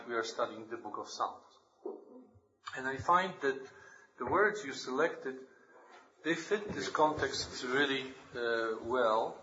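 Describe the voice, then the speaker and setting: A man's voice: mid-range voice, bright, forceful tone. A man from Poland, a lay preacher giving an earnest, emphatic scripture reading and devotional talk at a church meeting. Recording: roomy, distant, dull church recording.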